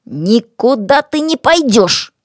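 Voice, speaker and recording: A woman's voice: medium pitch, lively intonation, measured pace, no echo, clean studio sound, natural voice. Woman playing a bossy boy posing as a demon. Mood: commanding. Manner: commanding, gruff. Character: bold invisible village boy posing as a demon.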